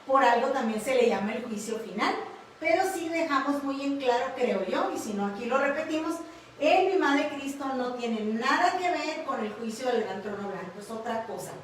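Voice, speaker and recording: Mexican woman, Bible class teacher, slightly high voice, tag questions throughout; distant mic in a very echoey room with faint noise. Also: animated, normal speed. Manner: frequent tag questions and fillers.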